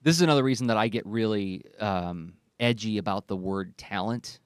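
Speaking fairly quickly in a smooth, lowish voice, this man hosts a conversational podcast. He works into a close studio microphone on an arm with headphones on, and the recording is dry.

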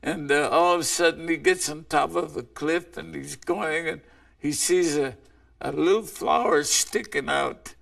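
A man telling an animal folk tale aloud in a slow, rambling way, often repeating words. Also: a little high, gravelly, fairly bright tone, far from the mic. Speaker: storyteller.

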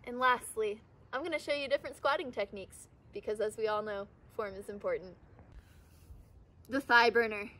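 A young woman in her twenties giving a scripted outdoor skills lesson in a backyard, upbeat and playfully deadpan, recorded on a camera mic. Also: a little high, moderate pace. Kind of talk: scripted instructional video.

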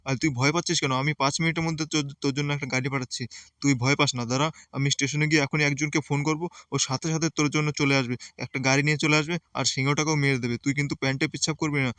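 A man's voice: on the high side, steady tone, racing, a bit bright, no room sound, natural voice. A man voicing a bossy but caring uncle who reassures and lectures his nephew. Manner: reassuring, lecturing, repeats "ঠিক আছে". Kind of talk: game play voice acting.

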